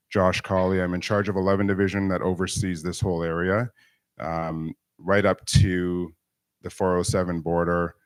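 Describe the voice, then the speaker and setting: Man, police superintendent, hoarse and losing his voice, very low pitch, dry sound. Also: no room sound. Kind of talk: community meeting address. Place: community meeting room.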